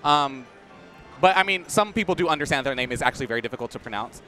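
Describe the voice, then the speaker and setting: A man's voice: medium pitch, lively intonation, quick pace, bright, forceful tone, faint music behind. A young man casually commentating a video game match, explaining his views thoughtfully. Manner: thoughtful, explaining, easy laughter. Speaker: esports commentator.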